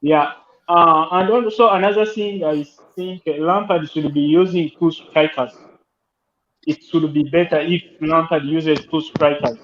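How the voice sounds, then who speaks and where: A high-voiced man calls in, his words pausing often on filler sounds. His audio is echoing back through a second device, roomy and dull, with a faint hiss under it. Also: fairly even intonation, fairly bright tone. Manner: hesitant, many filler sounds. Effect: echoey audio fed back through a second device. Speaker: caller in a live fan stream. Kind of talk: casual football chat.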